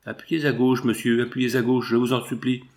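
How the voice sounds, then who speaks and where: A man voicing an impatient, irritable gentleman with a gun, giving curt, exasperated replies. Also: mid-range voice, flat delivery, brisk, natural voice.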